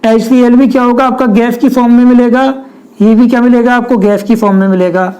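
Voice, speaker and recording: Standing at a whiteboard, a young chemistry teacher delivers a lecture in a very high, slightly mellow voice that stays steady and brisk. He addresses his students directly, with plenty of rhetorical questions. The audio is low quality.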